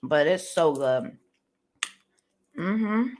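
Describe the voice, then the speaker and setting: A woman hosting a mukbang, chatting casually and relaxed between bites while she eats. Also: deep voice, drawn-out words, slight background noise. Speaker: mukbang host.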